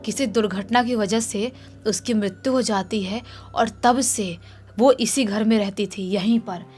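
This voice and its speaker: A woman voicing a lovelorn young male jinn who pleads softly and keeps reassuring. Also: mid-range voice, unhurried, slightly rough, soft background music. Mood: pleading. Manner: soothing, insistent reassurance.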